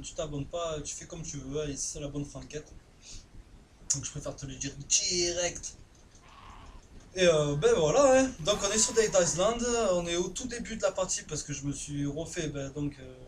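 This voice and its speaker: A man in his twenties speaks with a southern French accent in a slightly high voice. He rambles through live gameplay commentary in loose, crude slang. His talk is full of fillers and restarts. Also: darkish tone, slight background noise. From southern France. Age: 20s. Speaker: gaming YouTuber.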